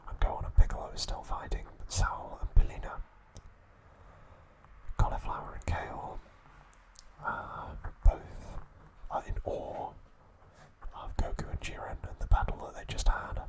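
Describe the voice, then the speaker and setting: A man whispers in a soft, breathy way, like an ASMR host, taking his recap very slowly. His phrasing is gentle and halting and never rises above a hush. The recording is rough.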